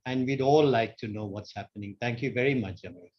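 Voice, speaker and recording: A man's voice: mid-range voice, fairly quick. A man giving a short, earnest welcome over a video call. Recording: dull lo-fi call audio.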